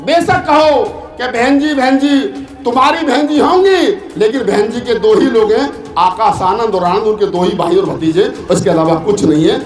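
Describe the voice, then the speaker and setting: A man giving a fiery political rally speech into a stage microphone, often shouting to the gathered crowd. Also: very high voice, reverberant. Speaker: political speaker.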